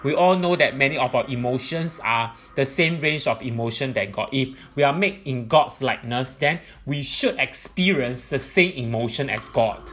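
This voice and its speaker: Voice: mid-range voice, moderate pace, few pauses, fairly bright tone. A presenter giving explanatory religious teaching in a methodical, point-by-point way.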